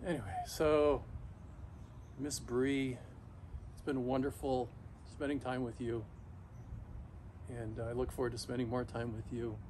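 A middle-aged man talking casually and haltingly to camera outdoors, shivering in ice-cold water, pausing often mid-thought. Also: mid-range voice, flat delivery, a little mellow. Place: backyard, outdoors, in an ice bath. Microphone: camera a few metres away. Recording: noisy outdoor recording, ambient hum.

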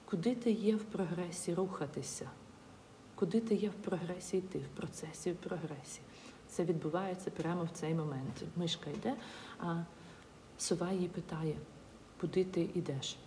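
A woman teacher walks through grammar one word at a time, patiently repeating each example. Her voice sits a little low and sounds soft and mellow. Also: moderate pace, slight background noise. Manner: patient, spells out and repeats words step by step. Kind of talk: explaining English grammar in a lesson.

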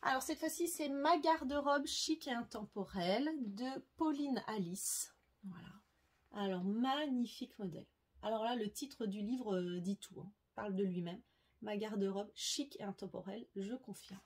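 A woman's voice: mid-range voice, normal speed, slightly rough. A woman sewing vlogger chatting casually and enthusiastically, with frequent fillers and self-corrections. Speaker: sewing YouTuber. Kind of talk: casual book review vlog.

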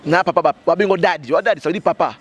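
His voice is slightly high and rapid-fire. The speaker, a man in his thirties with a Congolese French accent who has a cold, is an interview guest on a street near parked cars, talking passionately and emphatically with heavy "bah" fillers and gestures into a handheld mic with a fur windscreen that the interviewer holds.

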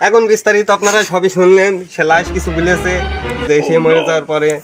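A man's voice: high voice, fast talker, over loud music, natural voice. A man with a western Bangladeshi accent from the Chuadanga area playing an earnest field reporter in a parody newscast. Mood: mock-earnest. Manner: parody news reporter delivery, mock-earnest. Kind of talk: parody live news report.

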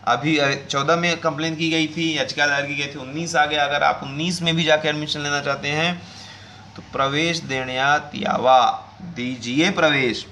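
Bright-voiced man explaining to viewers. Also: a little high, flat delivery, fairly quick, hardly any pauses, a little hiss or hum. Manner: conversational, addresses viewers as friends, reads out news excerpts. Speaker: education news video host. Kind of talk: casual explanatory talk to viewers.

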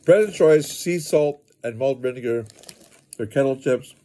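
A man's voice: medium pitch, unhurried, mellow. A man, hosting a casual food review vlog in short, clipped phrases. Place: outdoor covered wooden porch.

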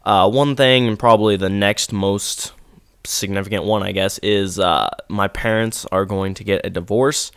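Teen male gamer, congested sore-throat voice, lowish and smooth, dry close sound, subdued rambling delivery. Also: fairly even intonation, moderate pace, dry recording. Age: teens. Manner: subdued, rambling, many fillers. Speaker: gaming video creator. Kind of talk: casual talk to camera over gameplay.

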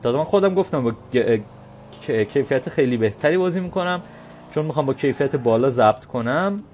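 A man's voice: mid-range voice, expressive, darkish tone, slight background noise. A man giving casual let's-play commentary, chatting and loosely translating game dialogue. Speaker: gameplay commentator.

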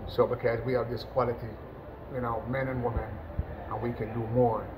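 A middle-aged man from Jamaica, a national team football coach, talking in a relaxed post-match interview over a webcam, full of "you know" fillers and restarts. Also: mid-range voice, brisk, background noise. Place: indoors, in front of a sponsor backdrop.

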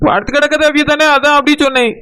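A woman doing a cheeky meddling young sister-in-law, high and dry. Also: steady tone, quick pace, a bit bright, no room sound. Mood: coaxing. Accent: Tirunelveli Tamil. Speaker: cartoon character.

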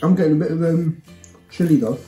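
A man's voice: a little high, fast talker. A man with a casual, chatty manner, talking through a mouthful of food while reviewing a snack. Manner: chatty, relaxed, lots of murmured mm sounds. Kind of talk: casual food tasting chat. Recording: roomy echo, faint music.

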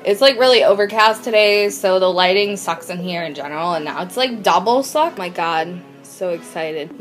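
A woman vlogging an unboxing in casual chat, excitable, swearing often and filling her talk with "like". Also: lowish voice. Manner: excitable, swears a lot, says "like" constantly.

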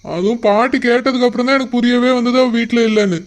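A man voicing a young son-in-law in a cartoon, calmly reassuring his father-in-law. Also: very high voice, fast talker. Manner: calm, explaining.

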